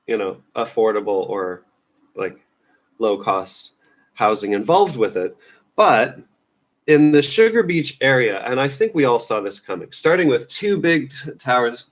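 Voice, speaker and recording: A man's voice: mid-range voice, animated, a little slow. A man hosting a casual news roundup, rambling and offhand, with lots of fillers and restarts. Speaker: news show host.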